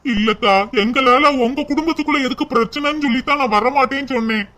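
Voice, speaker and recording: A man voicing a polite young husband in a cartoon, quickly declining an offer of food. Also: very high voice, background noise. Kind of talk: cartoon voice acting.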